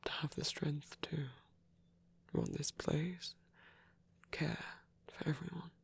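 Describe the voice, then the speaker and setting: Here a performer plays a devout male vampire priest who cares deeply, in an intimate ASMR setting. Often whispering, his voice is very breathy with a creaky edge, and he speaks in measured, slightly formal phrases, gently and thoughtfully, at a medium pitch. The tone stays level in full character voice, and the mood is earnest and soothing.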